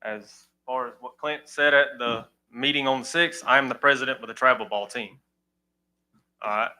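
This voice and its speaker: A man who runs a girls softball league, speaking plainly and earnestly at a county meeting. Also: mid-range voice, moderate pace, low-quality recording. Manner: plain-spoken, earnest, repeats "all right". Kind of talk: public comment at a county meeting.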